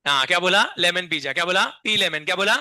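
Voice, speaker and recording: A man's voice: high-pitched, expressive, fast talker, pushed and bright, no echo. Guy teaching chem, keeps firing questions at the class, dry close sound. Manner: constantly quizzes the class with repeated questions; drills mnemonics in a playful sing-song. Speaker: chemistry teacher. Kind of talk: classroom lecture.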